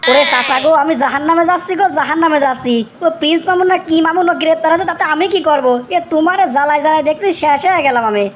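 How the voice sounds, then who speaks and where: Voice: sits high, very fast, hardly any pauses, fairly bright tone, faint music behind. A performer voicing an exasperated young village nephew in a comic cartoon, whining and repeating complaints. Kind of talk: comic cartoon dialogue, rustic dialect.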